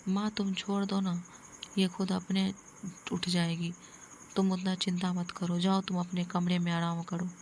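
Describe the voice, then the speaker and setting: A woman's voice: on the low side, little pitch movement, a little slow, darkish tone, a little hiss or hum. A woman voicing a stern grown son in a cartoon comedy, blunt and scolding.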